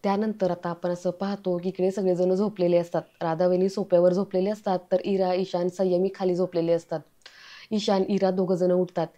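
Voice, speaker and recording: A woman's voice: on the low side, flat delivery, a little fast, warm tone. A woman casually retelling a serial episode, chatting to her viewers like friends. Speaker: serial recap narrator. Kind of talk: casual storytelling recap. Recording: slightly dull lo-fi audio.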